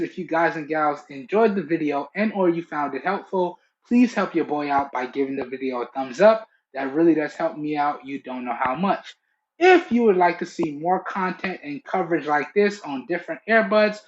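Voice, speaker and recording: Through a muffled, lo-fi Bluetooth earbud mic in a small indoor room, a young adult man with a slightly high voice hosts his tech review channel. He chats to camera casually and emphatically, frequently checking in with "okay" and "all right."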